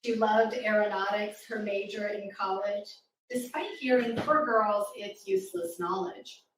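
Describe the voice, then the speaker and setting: At a live storytime in a spacious room, a woman reads rhyming verse to little kids in an encouraging, interactive way. Her medium-pitched voice is steady and measured, and the distant mic picks up echo and faint noise.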